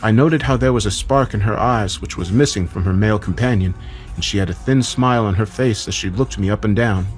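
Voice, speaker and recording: A man narrating a first-person horror story in a measured, dramatic way. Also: fairly low pitch, faint music behind.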